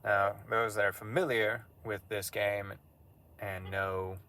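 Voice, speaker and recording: Gravelly low-voiced man recapping a game. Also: slow. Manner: relaxed and conversational, with frequent fillers. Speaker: campaign recap narrator. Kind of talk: casual recap of a tabletop game session.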